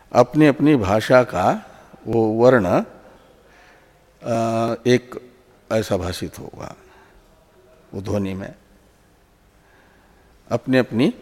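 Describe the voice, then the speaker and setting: A man teaching philosophy in a slow, patient lecture, often repeating words and restarting phrases as he explains. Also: mid-range voice, warm tone. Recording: long hall reverb.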